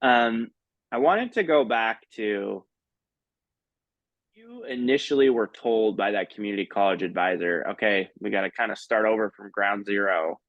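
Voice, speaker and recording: A man's voice: lowish voice, lively intonation, normal speed, no room sound, highs cut off. A man hosting an interview, chatty and upbeat. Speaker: host. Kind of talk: casual interview.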